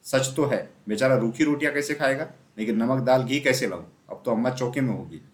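Man, storybook narrator, steady reading, middle-pitched, echoey room. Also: brisk. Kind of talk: reading a classic children's story aloud. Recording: roomy echo.

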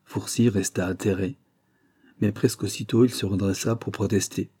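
Husky-voiced male audiobook narrator. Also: fairly low pitch, steady tone, moderate pace, mellow. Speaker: audiobook reader.

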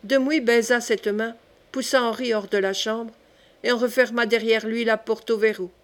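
Woman reading an audiobook, calm storytelling, slightly high voice. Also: moderate pace. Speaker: audiobook narrator. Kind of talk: audiobook narration.

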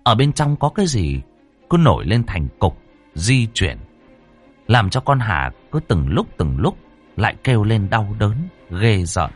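Brief: male ghost-story reader, wildly varied pitch, faint music behind. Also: very animated, measured pace, breathy edge. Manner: dramatic, swooping delivery.

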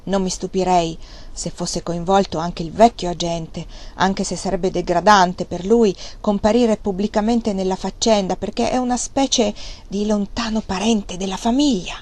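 A woman reading an audiobook and voicing a sharp-tongued, scolding servant woman with a shrill voice. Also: fairly even intonation, normal speed, natural voice. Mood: recounting. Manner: harsh and scolding.

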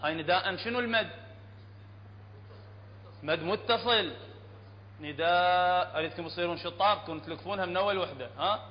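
A man with an Iraqi Arabic accent teaching Quran recitation to a class, explaining plainly, checking often with his students and chanting verses slowly. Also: high voice. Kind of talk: classroom tajweed lesson. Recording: dull lo-fi hall recording, faint hum.

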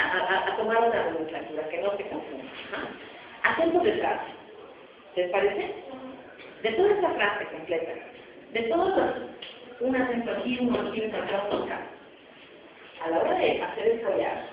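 A woman professor gives a university phonetics lecture in a large, echoey classroom, explaining material and frequently checking in with the class. Her voice is on the high side. Captured on a distant recorder, the audio is echoey, muffled and noisy.

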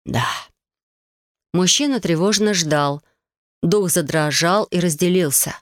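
An audiobook reader narrating a fantasy novel in a measured, even storytelling manner on a close studio mic. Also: mid-range voice, dry recording.

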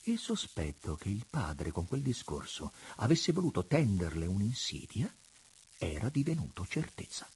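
A man reading a classic novel aloud, measured and expressive. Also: on the low side, husky. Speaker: audiobook narrator. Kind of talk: literary audiobook reading.

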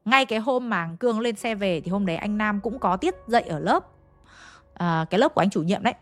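A woman's voice: mid-range voice, lively intonation, a little fast, soft background music. A woman with a Hanoi accent retelling a ghost story in a chatty, dramatic way, speaking straight to her listeners. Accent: Hanoi Vietnamese.

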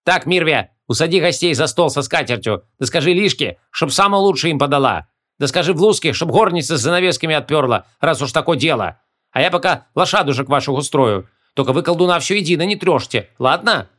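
A man's voice: on the high side, expressive, brisk, a bit bright, voice pushed up. A man voicing a fearful, grumbling rustic innkeeper in his sixties, with folksy speech and a fretful whine. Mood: grumbling fussy. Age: 60s.

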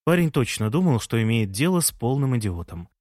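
A man reading a story aloud in a calm, first-person narration. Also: mid-range voice, fairly quick, dry recording, studio quality. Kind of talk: audiobook narration.

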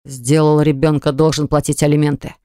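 A reader voicing a hot-tempered man who growls and sneers at a rival in a low, rumbling voice. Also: level tone, a little fast, clear, resonant tone, dry recording, studio quality, lightly acted. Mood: sneering.

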